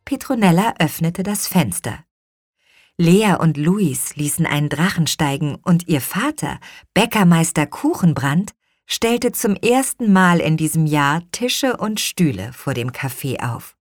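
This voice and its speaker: A woman reading a children's audiobook in an expressive, unhurried way. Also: sits low, no echo, clean studio sound. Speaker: audiobook reader. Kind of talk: scripted children's story narration.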